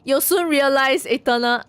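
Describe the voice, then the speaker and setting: A woman's voice: high voice, measured pace, fairly bright tone, no room sound. A woman streaming a game, reading its text aloud with giggly, playful asides to chat.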